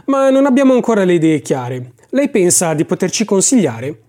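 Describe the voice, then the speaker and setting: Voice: mid-range voice, sing-song, moderate pace, warm tone, natural voice. A reader voicing a friendly, courteous young woman customer in an audiobook.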